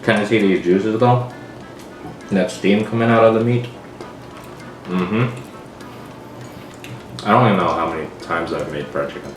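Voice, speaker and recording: Male home cook, low and relaxed, dry humor, eating chat, echoey kitchen, mic far off, pots and pans behind. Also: a little slow, pauses often, faint music behind. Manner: relaxed, dry, talks between bites. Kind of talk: casual eating vlog chat. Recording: echoey kitchen, mic at a distance, clattering dishes.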